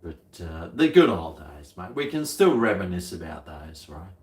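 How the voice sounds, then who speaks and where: With a low, sing-song voice at a moderate pace, a middle-aged Australian man chats casually while hosting a livestream. His talk is laid-back and blokey, full of slang, and the recording has a roomy, echoey quality.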